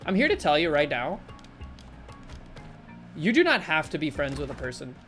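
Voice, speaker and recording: A woman live-streaming, chatting casually with her viewers in a rambling, animated way full of fillers. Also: normal speed, soft background music. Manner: animated, with sudden jumps in pitch. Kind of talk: casual live-stream chat while gaming and reading chat.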